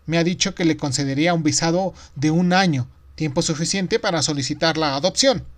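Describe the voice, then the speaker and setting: A man voicing an excited young wife who talks eagerly on the phone. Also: fairly high pitch, fairly quick, pitched above the performer's own voice, natural voice.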